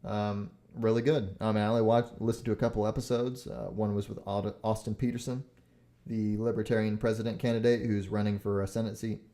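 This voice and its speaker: A man's voice: lowish voice, level tone, brisk, mellow. A young man hosting a solo podcast, rambling with many fillers, swearing and getting heated as he talks. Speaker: podcast host.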